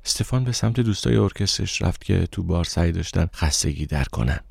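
A man narrating an audiobook story in a steady, even reading voice. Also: low-pitched, gravelly, slightly rough, no room sound. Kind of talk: scripted narration.

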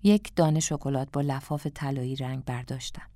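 A woman narrating an audiobook in a calm, reflective storytelling manner. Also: a bass voice, no room sound.

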